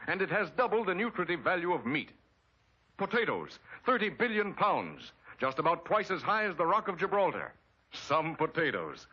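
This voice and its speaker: A high, slightly rough voice belongs to an American man giving a dramatic, emphatic scripted narration like a 1940s wartime propaganda film. The recording has a dull vintage 1940s soundtrack quality with a loud orchestral score behind it.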